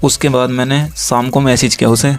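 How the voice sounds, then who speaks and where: A young man casually explaining relationship advice to viewers, reading chat messages aloud in a steady, even tone. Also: mid-range voice, moderate pace, faint music behind. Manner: reads chat lines aloud in a flat steady tone, addresses viewers directly.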